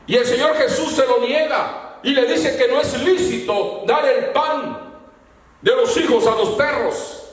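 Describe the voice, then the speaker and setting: A man preaching a fervent sermon to his congregation, at times rising to shouts. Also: very high voice, measured pace. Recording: very echoey room, mic far off.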